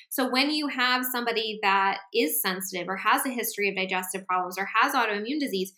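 A woman talking on a podcast in a loose, chatty way, leaning on fillers as she goes. Her voice is bright and forward. The sound carries a roomy echo. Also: medium pitch. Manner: frequent "like" and "um" fillers, animated. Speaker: podcast co-host. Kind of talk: casual podcast chat.

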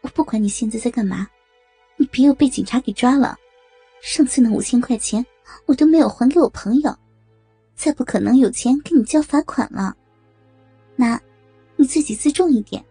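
A woman's voice: a little high, moderate pace, pauses often, mellow, slightly rough, dry recording, faint music behind. A woman voicing a blunt young daughter on the phone in an adult audio story, curt and scolding. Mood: curt, suspicious.

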